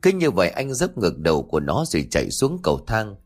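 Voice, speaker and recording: A man narrating a horror audiobook in an expressive, dramatic way. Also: deep voice, fast talker, breathy edge. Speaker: storyteller.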